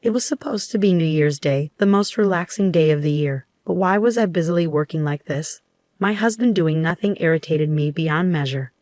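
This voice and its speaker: A woman narrating a first-person story in a steady, scripted read. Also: sits low, normal speed, dry recording, clean studio sound.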